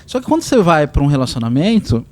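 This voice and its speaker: A fairly high, lively male voice talks fast, with wide swings in pitch. He hosts a casual podcast and lays out his ideas by comparing them to running a company. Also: a little hiss or hum. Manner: explains ideas with business comparisons. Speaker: podcast host.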